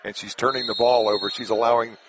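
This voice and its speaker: A man's voice: mid-range voice, little pitch movement, quick pace. A male color commentator breaks into a basketball broadcast in a folksy, stop-and-start way, repeating words as he works his point out. His voice sits in a mid range. Faint noise lies behind him.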